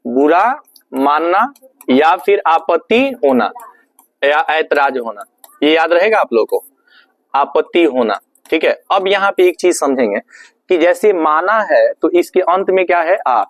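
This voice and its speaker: Male teacher, fairly high voice, dry close sound, quizzes his class. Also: animated, no echo. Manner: asks the class questions and answers them himself; slows right down to spell out English phrases. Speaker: English teacher. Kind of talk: classroom lesson. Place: classroom with students.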